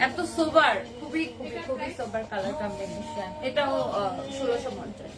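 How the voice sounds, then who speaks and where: A young woman hosting a live shopping stream, excitedly gushing over sari colors and reading out buyers' comments. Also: a little high, fairly quick, recorded from a distance, a loud crowd. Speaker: live sale host.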